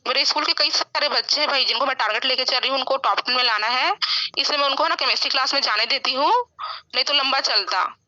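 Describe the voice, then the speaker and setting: A woman teaching an English grammar class online, with a bright, forceful and fairly high voice. She keeps checking that the students are following as she walks through each rule. The audio is dull and lo-fi. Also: fast talker. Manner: explains grammar rules, frequently checks in with "है ना?".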